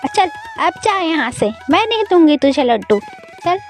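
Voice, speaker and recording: A woman voicing a harsh, scornful stepmother in a cartoon story, with a shrill, cutting voice. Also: big pitch swings, moderate pace, faint music behind, exaggerated voice. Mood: scolding. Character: harsh scolding stepmother, favours her own son.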